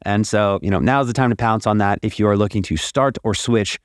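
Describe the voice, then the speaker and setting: A man's voice: fairly low pitch, a little fast, no room sound. A man hosting a podcast from an attic, delivering an emphatic, promotional scripted monologue about offers. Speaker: podcast host. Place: attic of a house. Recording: dry, produced podcast audio recorded in an attic.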